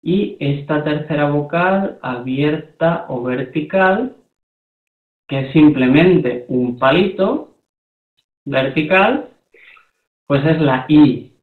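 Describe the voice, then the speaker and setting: Guy teaching a class real slow, keeps asking if everyone's got it, sounds thin like over a phone. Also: on the high side. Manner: explains step by step, often checks with "¿vale?" and "¿de acuerdo?". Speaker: Korean language teacher. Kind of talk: slow, patient classroom explanation. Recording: echoey room over a thin phone-like line.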